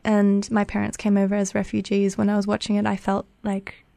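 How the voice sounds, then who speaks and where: A young woman, asking relaxed interview questions with plenty of filler words. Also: medium pitch, a little fast, vocal fry, no room sound. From Australia. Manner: relaxed, uses many fillers.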